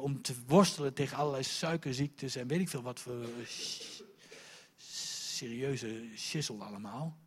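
A middle-aged male pastor preaching with a lively, sweeping pitch and a husky edge to his voice. He tells stories emphatically and pushes hard on the big lines of his sermon. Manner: animated, emphatic storytelling preacher.

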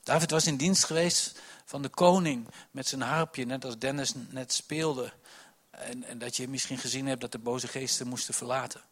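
Dutch-speaking man preaching a lively sermon. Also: medium pitch, moderate pace, breathy edge. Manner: storytelling, animated, many restarts, swings from soft to loud.

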